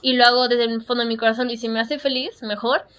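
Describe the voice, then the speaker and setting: A teenage girl with a high, bright voice. She chats casually as a guest and acts out the voices of people she quotes. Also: level tone, fast. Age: teens. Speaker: guest, young actress and singer. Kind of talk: casual interview chat.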